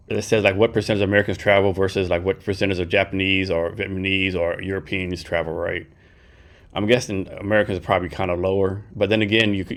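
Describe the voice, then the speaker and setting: Podcast host, male, low-pitched, quick and rambling. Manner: chatty, rambling, tags "right?". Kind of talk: casual interview questions.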